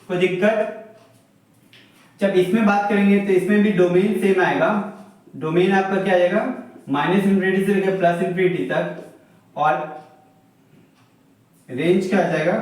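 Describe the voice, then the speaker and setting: Male maths teacher, high pitch, repeats points with everyday examples, distant echoey recording. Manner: explains step by step with homely examples, repeats points. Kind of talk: classroom lecture on graphs. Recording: very echoey room, voice from far off.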